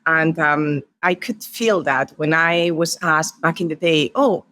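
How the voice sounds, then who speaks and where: A middle-aged woman with a Spanish accent talks as a podcast guest. She tells her stories warmly and lays out her points one by one. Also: low-pitched, a little slow, dry recording. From Spain. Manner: warm storytelling, counts off her points. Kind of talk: podcast interview.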